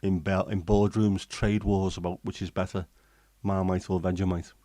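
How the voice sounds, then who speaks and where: Here an English man casually chats on a livestream, answering viewer comments and rambling with frequent ums and restarts. His low-pitched, dark voice has little pitch movement and a moderate pace. The sound is clean studio audio with no echo.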